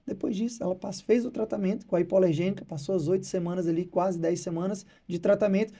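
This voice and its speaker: A man's voice: high voice, fast talker. A man from Brazil, a veterinarian who is a father, telling stories in a casual interview and acting out his clients' voices. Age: adult with children. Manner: animated, acts out clients' voices. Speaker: veterinarian guest.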